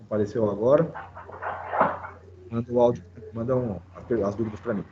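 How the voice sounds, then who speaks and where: A male teacher explains a lesson over a video call, and his voice keeps cutting out in choppy, glitchy bursts. He talks at an ordinary pitch, pausing on fillers and tag questions. The line sounds muffled, with a clear hiss of noise underneath. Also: steady tone. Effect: choppy, breaking-up call audio. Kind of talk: online class lecture. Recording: muffled, noisy online call audio.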